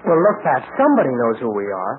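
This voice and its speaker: An actor playing an eager, earnest boyish adventurer sidekick in an old radio serial, on a vintage recording. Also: male voice, medium pitch, wildly swooping pitch, quick pace. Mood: eager, wary. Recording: tinny narrow-band old radio recording, noisy.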